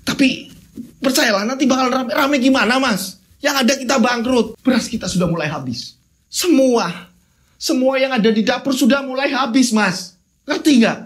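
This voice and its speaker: A man voicing a worried, sharp-tongued young wife who complains and pleads with her husband. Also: very high-pitched, moderate pace, voice pushed up. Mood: complaining.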